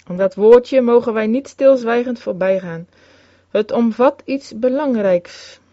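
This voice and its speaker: A woman reading an old-fashioned sermon aloud in a solemn, measured way with archaic phrasing. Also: medium pitch, dark tone, no echo. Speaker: sermon reader. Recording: dull, lo-fi recording, dry.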